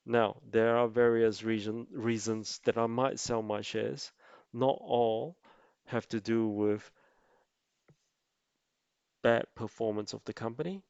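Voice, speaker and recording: Guy doing a tutorial voiceover, bit of vocal fry, talks in short chunks, dry dull recording. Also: medium pitch, steady tone, slow pace, long pauses, darkish tone, no echo. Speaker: amateur investor presenting a tutorial. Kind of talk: explanatory investing tutorial voice-over.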